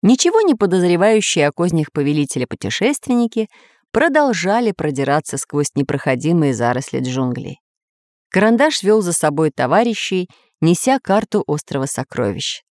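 Expressive woman reading a children's story. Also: fairly low pitch, normal speed, no echo, clean studio sound.

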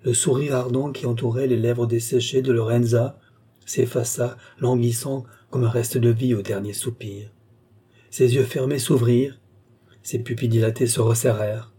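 Brief: male narrator for a classic novel, warm husky tone, measured. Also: mid-range voice, steady tone. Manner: measured, dramatic reading. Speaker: audiobook narrator. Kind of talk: literary audiobook narration.

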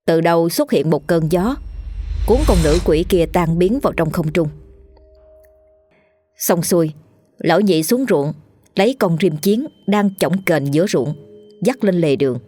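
A woman narrating a ghost story in a lively, dramatic way. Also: fairly low pitch, a little slow, long pauses, faint music behind.

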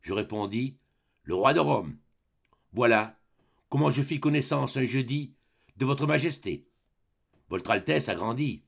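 A man's voice: medium pitch, lively intonation, unhurried, vocal fry, long pauses. A man reading the part of a boastful old grenadier sergeant, declaiming rhythmic verse in a dramatic reading of a play. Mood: storytelling.

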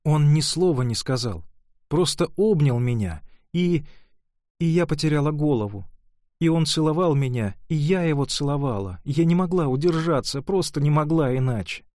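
A man's voice: a little high, moderate pace, dry recording, clean studio sound, pitched above the performer's own voice, lightly acted. Man voicing a lovestruck young daughter. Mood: excited. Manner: excited, breathless pleading. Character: young woman in love, earnest, emotional daughter.

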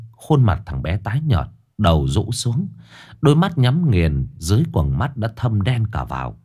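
A man narrating an audio story in a dramatic, lively way. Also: lowish voice.

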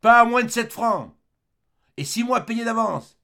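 A man reading an audiobook, voicing a gruff, haggling innkeeper who calls out loudly from the back of the inn. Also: very high-pitched, animated, unhurried, voice pushed up, full character voice. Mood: demanding. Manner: loud, haggling.

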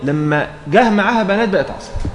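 A man's voice: high voice, animated, fast. A man with an Egyptian Arabic accent, teaching a religious law text to students, reading passages and then explaining them with frequent check questions. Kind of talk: explaining a fiqh text in a lesson. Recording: roomy echo, faint background ambience.

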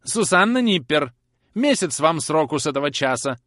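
A man reading an audiobook aloud, voicing a vindictive, croaking old woman housekeeper who screeches her spite. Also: a little high, big pitch swings, a little fast, fairly bright tone, no echo, clean studio sound, voice pushed up. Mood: screeching. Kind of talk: audiobook character voice.

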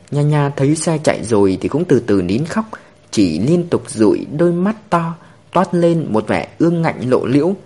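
Expressive male storyteller; fairly high, animated, breathy tone. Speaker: narrator. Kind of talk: scripted story narration.

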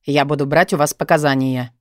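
A woman's voice: low voice, fairly even intonation, fairly quick, a little mellow, dry recording, pitched below the performer's own voice, lightly acted. A woman reading an audiobook, voicing a formal male police major who speaks dryly. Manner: dry, formal.

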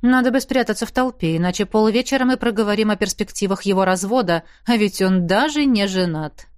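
Woman reading a wry, guarded husband; low and grumbling, dry close sound. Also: a little fast, darkish tone, no echo, lightly acted.

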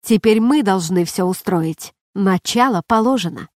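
A woman voicing a flamboyant, lively young male actor in a storybook, exclaiming eagerly. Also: mid-range voice, measured pace, no echo, studio quality, lightly acted. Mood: excited.

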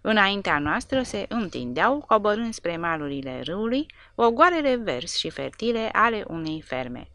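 A woman narrating a war novel as an audiobook with an expressive, dramatic reading. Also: mid-range voice, few pauses, dry recording.

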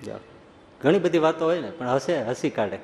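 A male swami giving a storytelling sermon, lively and acting out the people in his stories. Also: mid-range voice, normal speed. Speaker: swami preacher. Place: large hall at a religious school. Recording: echoey hall, faint background hum.

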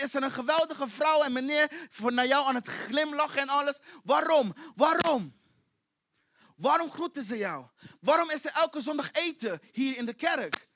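A man preaches to his congregation with fervent, repetitive intensity, hammering the same question again and again. His voice sits very high for a man and rings bright and forceful. The sound is dry and close to the mic. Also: dry recording. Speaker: pastor. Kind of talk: sermon. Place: church.

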